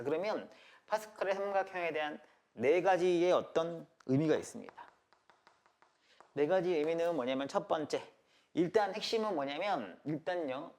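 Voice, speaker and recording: A man's voice: a little high, a little mellow. A man teaching a live math class, asking constant rhetorical questions and checking that students follow, blunt and casual. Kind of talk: classroom lecture.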